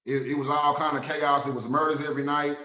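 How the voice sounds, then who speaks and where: Man, 30s, Dallas accent, streetwise, earnest, higher voice, echoey room. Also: level tone, fast, pushed and bright. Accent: Southern US, Dallas. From Dallas, Texas. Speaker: author guest. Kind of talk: casual interview talk. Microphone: video call.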